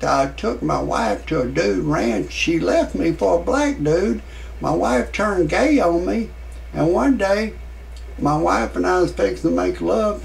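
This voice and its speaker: Gravelly 60s guy doing a rambling parody comedy bit, kinda high voice, faint hiss behind. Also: poor audio. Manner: rambling deadpan delivery with many fillers; shouts quoted lines in a much higher voice. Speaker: parody show host.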